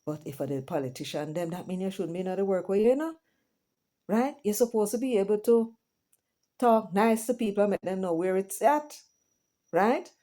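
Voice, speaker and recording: In a warm, mid-range voice at normal speed, a middle-aged Jamaican vlogger talks casually to the people watching her channel. She slips between patois and English throughout the monologue, with chatty asides along the way.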